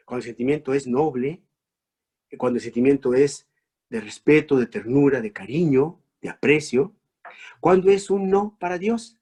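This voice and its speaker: A man from Mexico, a priest, preaching a reflection with emphatic rhetorical questions and sweeping rises in pitch. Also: darkish tone, husky. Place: online talk.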